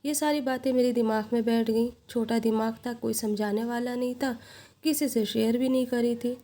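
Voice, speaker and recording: A woman telling a somber first-person story in a steady, recounting way. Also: on the high side, normal speed.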